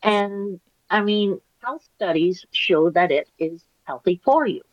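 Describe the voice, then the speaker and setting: A woman's voice: medium pitch, animated, slow, highs cut off, crowd noise. A woman co-hosting a casual podcast chat, making dry, teasing quips. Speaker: podcast co-host.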